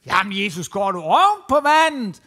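A man voicing an impulsive fisherman disciple who shouts his questions in a raised, high voice. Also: sing-song, full character voice. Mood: calling out. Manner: loud, high calls across the water.

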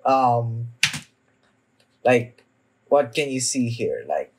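A young adult man, a video host who is a little sick and coughing, gives casual reaction commentary in a halting, hesitant way. His medium-pitched voice is very animated, recorded in a small room at home against a noisy background.

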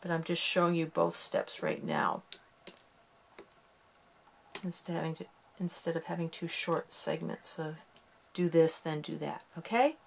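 Unhurried woman demonstrating a craft. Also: low-pitched, sing-song, gravelly, slight background noise. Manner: chatty, self-deprecating, talks while working. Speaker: craft tutorial host. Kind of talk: casual step-by-step tutorial.

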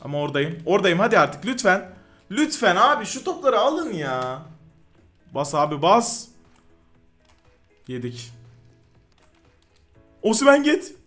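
A man giving live commentary over his own football video game match, excitable and quick to yell in frustration at the game. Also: high-pitched, soft background music. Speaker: gaming YouTuber.

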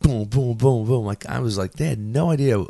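A man's voice: medium pitch, a little fast, creaky, no room sound, studio quality, faint music behind. A man in his thirties, a performer and guest, telling stories in a casual interview with lots of fillers and restarts. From United States. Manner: animated, many fillers and restarts.

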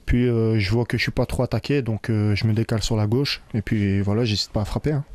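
A young man from France, a football player, answering post-match questions in a locker room, relaxed with many fillers, into a handheld mic. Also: lowish voice, fast. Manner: relaxed, many filler sounds, loose phrasing. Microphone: interviewer's handheld mic.

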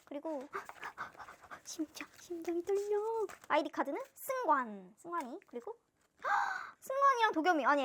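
A woman's voice: high-pitched, fairly bright tone. A young woman gushing and gasping as she unboxes albums in a casual vlog. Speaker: fan vlogger unboxing albums.

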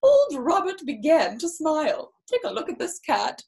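Seated in an armchair in a small indoor room, a woman with a high, very animated voice reads a picture book aloud for children's story time, adding chatty asides. Her delivery is theatrical and expressive, with drawn-out emphasis and exclamations, and there's some vocal fry. Slight background noise can be heard.

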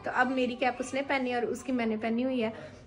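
A woman in her thirties from Pakistan, with a Punjabi accent, chats casually to the camera in her home bedroom while talking with her kids. Her voice sits on the high side, level in tone and a little fast, and the recording quality is low. She's a vlogger mother doing a relaxed home vlog.

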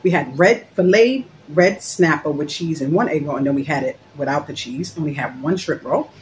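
A woman's voice: low-pitched, moderate pace, darkish tone, slight background noise. A woman hosting a mukbang, chatting casually and joking while she eats and talks with her mouth full, recorded on a phone. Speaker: mukbang host. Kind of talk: casual eating-show chat.

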